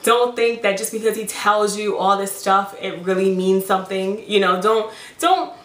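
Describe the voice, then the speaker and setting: A young adult woman giving frank dating advice in a casual vlog, chatty and quick to laugh. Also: mid-range voice. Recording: roomy, distant mic.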